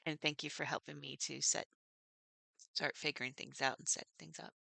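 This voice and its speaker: A woman's voice: low-pitched, flat delivery, moderate pace, vocal fry, sharp tone, dry recording. A middle-aged woman hosting her own livestream, chatting casually with viewers and laughing often. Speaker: livestream host. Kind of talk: casual chat with live viewers.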